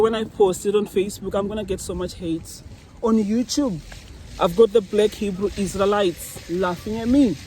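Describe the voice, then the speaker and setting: A woman's voice: mid-range voice, dark tone. A woman giving an earnest, faith-filled personal testimony outdoors beside a fountain. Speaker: vlogger. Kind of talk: emotional personal monologue. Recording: noisy outdoor recording with water nearby.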